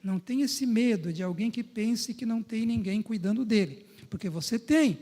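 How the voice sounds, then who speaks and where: A man's voice: sits high, normal speed, mellow. A man from Brazil, a pastor, preaching a conversational sermon in a church and often checking in with his listeners through short tag questions. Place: church sanctuary. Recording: long church reverb.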